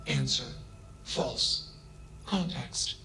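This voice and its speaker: A man voicing a self-aware male AI machine that speaks in a flat, emotionless way, announcing each statement type in clipped words. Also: mid-range voice, very slow, vocal fry, slight background noise, exaggerated voice.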